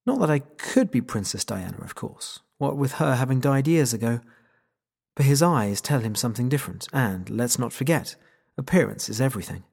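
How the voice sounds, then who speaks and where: A man narrates a novel in the first person with a wry, sardonic edge. His voice is mid-pitched and gravelly, with a husky grain that stays under every line. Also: animated, normal speed, a little mellow. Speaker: audiobook narrator.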